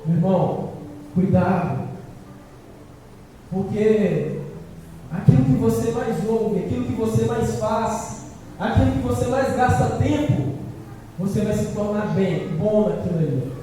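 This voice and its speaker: A man preaching a sermon as presbyter, urgently repeating his warnings and calling out to "my brother", swinging between loud pleading bursts and quiet low warnings. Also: a little slow, pauses often. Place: church hall. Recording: echoey church hall picked up from far off, faint noise.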